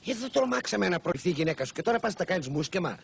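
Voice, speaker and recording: An actor playing a chummy, preachy leftist office colleague in an old comedy film. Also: male voice, high voice, very animated, gravelly, a bit bright, slight background noise, full character voice. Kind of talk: 1980s film comedy acting.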